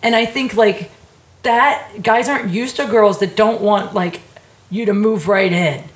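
A woman's voice: mid-range voice, unhurried, echoey room. A woman chatting casually and candidly in informal, slangy language, with lots of "like".

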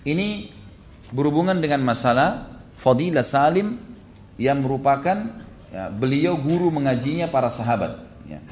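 A man's voice: mid-range voice, lively intonation, moderate pace, long pauses, a little mellow, slight background noise. Indonesian guy preaching, reads arabic then explains it, keeps asking his listeners to agree. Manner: explains hadith, quotes Arabic then translates. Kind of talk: religious lecture.

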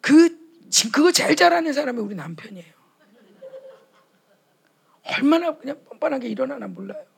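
A woman's voice: high voice, big pitch swings, a little fast, gravelly, long pauses. A woman preaching a sermon at a retreat for pastors' wives, speaking with passion and acting out short quoted dialogues. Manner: impassioned, acts out quoted dialogues.

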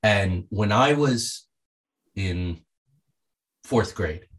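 A man being interviewed as a guest author talks in a lively, storytelling way, acting out the voices of people he quotes. His voice is on the low side and he speaks very slowly.

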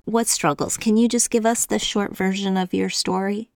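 A woman's voice: medium pitch, steady tone, normal speed, darkish tone, dry recording, clean studio sound. A woman in her late fifties hosting an interview conversationally, asking questions and relating them to her own experience. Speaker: interviewer, host.

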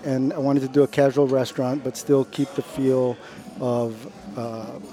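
A middle-aged man, a chef, talking about his restaurant in a relaxed, unhurried way with lots of fillers. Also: medium pitch, a crowd in the background. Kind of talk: casual interview chat.

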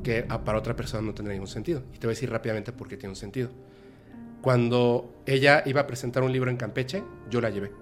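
A man hosts a podcast and tells a personal story in a halting, emotional way, stopping and restarting often. His voice sits at an ordinary middle pitch. Faint music plays underneath. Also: steady tone. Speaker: podcast host. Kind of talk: personal storytelling in a casual chat.

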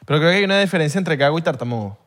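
An easygoing man co-hosting a casual podcast. His voice sits a little high for a man. He teases his co-host and laughs easily. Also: lively intonation, racing, fairly bright tone. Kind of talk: casual chat.

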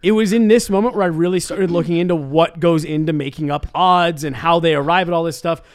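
A man with a high voice and a very dry sound. He chats casually as a sports show co-host, making his case emphatically and often restarting mid-thought. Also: fairly even intonation, fairly quick, clean tone, no echo.

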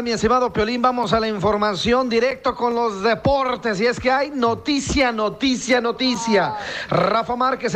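A man working as a sports reporter, delivering news in an excited, shouted style. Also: very high-pitched. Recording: clearly noisy broadcast audio.

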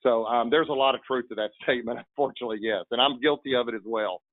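A man's voice: mid-range voice, quick pace, dry recording. A man chatting casually about college sports as a guest, rambling with many restarts. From Texas. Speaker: guest fan commentator. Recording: tinny phone line.

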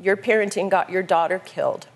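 A woman's voice: fairly low pitch, brisk, gravelly. A middle-aged woman, a guest on a talk show, pleading in fits and starts as she defends herself. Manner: pleading, breaking off and restarting. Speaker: guest, mother-in-law. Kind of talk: emotional talk show confrontation.

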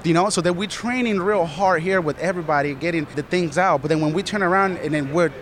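Male guest from Colombia, earnest and rambling, slightly high, light outdoor noise. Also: fast talker, fairly bright tone. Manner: earnest, rambling, many "you know"s. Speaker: studio manager, guest. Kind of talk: casual interview answers.

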